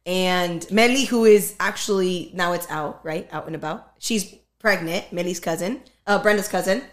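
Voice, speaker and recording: A woman's voice: lowish voice, normal speed. Slangy young woman. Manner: slangy, profane, switches between English and Spanish. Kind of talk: casual chat, storytelling among friends.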